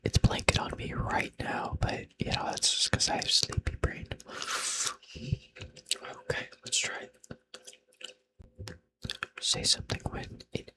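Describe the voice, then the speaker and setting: A man doing an unscripted ASMR whispered role-play, rambling playfully in a breathy, unvoiced whisper and repeating short phrases over and over. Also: slow, pauses often, low-quality recording. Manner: playful, self-deprecating, teasing.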